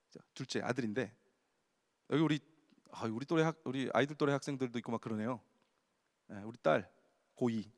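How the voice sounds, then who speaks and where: A man in his forties, a pastor preaching to his congregation and telling funny family stories. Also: a little high. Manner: humorous anecdotal storytelling to the congregation. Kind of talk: sermon at a Friday prayer meeting. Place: large church sanctuary. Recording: long hall reverb from the sanctuary.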